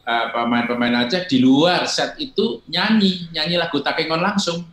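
A man's voice: a little high, fairly bright tone. Older man explaining filmmaking, roomy echo. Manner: measured, explanatory, acts out quoted exchanges. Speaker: film director, guest. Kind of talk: reflective interview answers.

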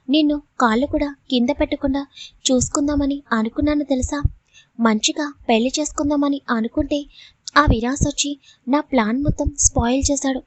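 A woman voicing a scheming young male villain who taunts and threatens in a fast, mocking way. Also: sits high, no echo, lightly acted.

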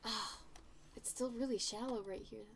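A woman's voice: a little high, fairly even intonation, moderate pace, gravelly, a bit bright, a little hiss or hum. A woman streaming a game, talking to herself in casual commentary, pleading with the game and laughing at her own mistakes.

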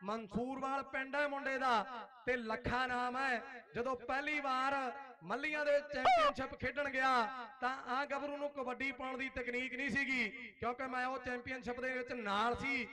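A man's voice: very high voice, normal speed. A man with a Punjab accent giving frantic, exclamatory rural sports commentary as a live kabaddi commentator. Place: outdoor village sports ground. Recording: loud outdoor crowd, public-address commentary.

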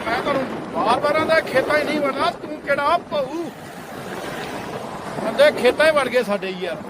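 A man, scolding and threatening people away from his sugarcane field in a comic roadside rant, shouting repeated commands. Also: very high voice, lively intonation, quick pace, over a noisy crowd. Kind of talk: comic outdoor rant to camera. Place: outdoors by a road near fields. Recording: noisy outdoor roadside recording.

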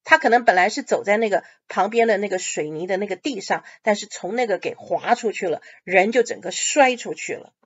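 A woman's voice: mid-range voice, a little fast, hardly any pauses, breathy edge. A woman teaching an English reading class, patiently explaining words and phrases and mixing English words into her talk. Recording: dull lo-fi audio.

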